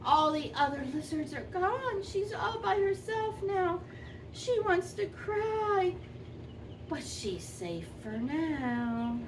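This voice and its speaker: A woman voicing a sweet, gentle old granny who tells a children's story expressively, lingering on and repeating words. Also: sits high. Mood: excited concern. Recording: distant microphone, faint background noise.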